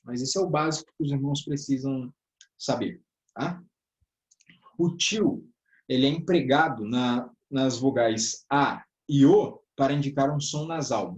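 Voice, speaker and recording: An unhurried man with a medium-pitched, somewhat mellow voice teaches a grammar class for church workers in a southern Brazilian accent. Step by step he explains, often checking with "tá?" or "né?" and calling his listeners brothers; the room echoes.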